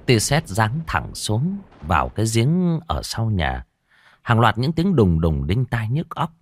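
Man, horror story narration, dramatic, low voice, wide pitch swings. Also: measured pace. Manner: dramatic, expressive reading.

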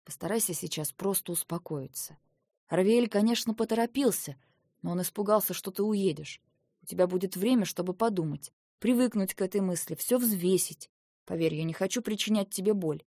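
Lady reading as a tired serious big brother prince, middle pitch, dry close sound, talks her down firmly. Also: a little fast, dark tone, no room sound, natural voice. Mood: soothing. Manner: firm, reasoning, pleading. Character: young male prince, weary stern older brother. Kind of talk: audiobook character reading.

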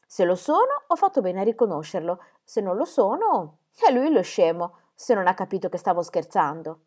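A woman voicing a witty, teasing young woman in an audiobook reading, playful and quick-witted. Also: medium pitch, very animated, darkish tone, pitched above the performer's own voice.

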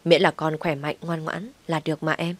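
A woman's voice: deep voice, flat delivery, moderate pace. A woman reading a story aloud, voicing a young husband who speaks earnestly and holds back his feelings. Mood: gentle. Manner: pleading, insistent.

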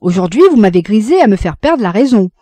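A man's voice: high voice, big pitch swings, quick pace, dark tone, no room sound. A woman voicing a young man in love who speaks in an earnest, pleading way. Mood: ardent.

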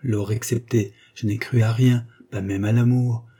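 A remorseful young woman pours out her pleas with fervent urgency, as a male audiobook reader puts her on. The tone stays husky and darkly mellow, lifted only slightly in pitch. Her manner is imploring throughout. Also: steady tone, a little slow. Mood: pleading. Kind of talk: audiobook dialogue reading.

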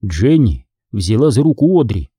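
A man reading a novel aloud as a narrator, with an expressive, dramatic delivery. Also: fairly low pitch, moderate pace, slightly rough, no echo, studio quality. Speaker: audiobook narrator. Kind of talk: scripted narration.

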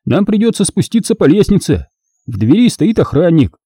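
A wisecracking young thief, cheeky and boastful, as a male narrator puts him on in a raised, husky voice with lively swings in pitch. The audiobook sound is dry and close. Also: moderate pace, dry recording, full character voice.

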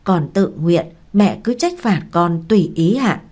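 A woman's voice: on the low side, lively intonation, measured pace, warm tone. A woman reading the part of a grown son who answers his mother humbly and apologetically. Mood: humble. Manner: submissive, apologetic.

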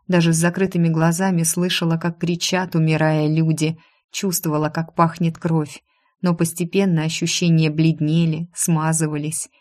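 A woman narrating a first-person fantasy novel in a steady, measured reading. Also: low-pitched. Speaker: audiobook narrator.

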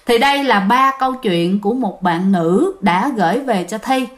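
A woman's voice: mid-range voice, animated, moderate pace. A woman with a Southern Vietnamese accent telling ghost stories in a chatty way, often addressing her listeners directly. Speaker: ghost story narrator. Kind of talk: casual storytelling of listener-sent ghost stories.

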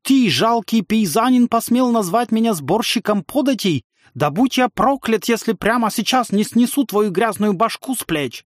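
A man voicing a haughty knight who shouts threats slowly in a put-on foreign accent. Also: high voice, animated, dry recording, studio quality, voice pushed up. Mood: threatening.

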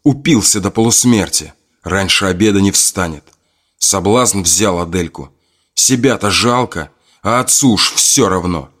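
A man narrating a horror folk tale in a grim, measured storytelling manner. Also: low-pitched, fairly bright tone.

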